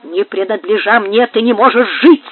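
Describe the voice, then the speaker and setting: A woman's voice: mid-range voice, moderate pace, no room sound, natural voice. A woman doing a hissing, obsessed man. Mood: threatening. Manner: hissing, whispered intensity. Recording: tinny phone-like sound.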